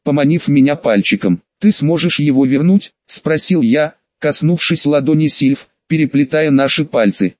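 Male audiobook narrator, steady reading, a bit high; dry, dull-toned recording. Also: no room sound. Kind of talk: scripted narration.

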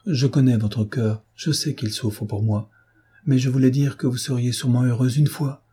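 A man's voice: mid-range voice, fairly even intonation, moderate pace, mellow, slightly rough. A male reader voicing a heartbroken young woman in an audiobook, speaking in anguished, impassioned outbursts.

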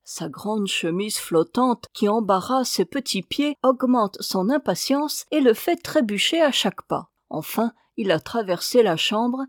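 A woman's voice: fairly high pitch, animated, unhurried, hardly any pauses, no echo, clean studio sound. Tender woman reading a novel aloud. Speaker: audiobook reader. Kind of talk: audiobook reading of a classic novel.

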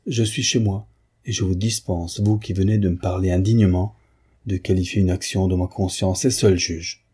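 A dignified young wife, shaken but firm as she gives orders, voiced by a man reading a novel aloud. The voice sits somewhat raised above a low, dark, husky register. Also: fairly even intonation, moderate pace. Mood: commanding. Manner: dignified, commanding, trembling with emotion. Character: young married woman, proud and distraught. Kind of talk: audiobook reading.

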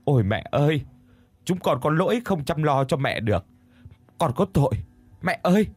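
A man's voice: medium pitch, very animated, a little fast, no room sound. A man voicing a grieving adopted son, tearful and pleading, in a narrated ghost story. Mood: sobbing. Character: grieving adopted son, middle-aged husband.

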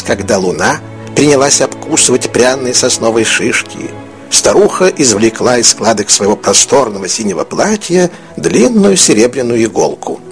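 A man narrating an audiobook in an expressive, melodic storytelling manner. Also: mid-range voice. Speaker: audiobook reader.

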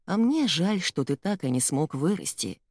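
Woman reader as a gentle wise granny, calm, low mellow voice. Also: normal speed, no room sound, studio quality. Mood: sad. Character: kind old grandmother, wise and gentle.

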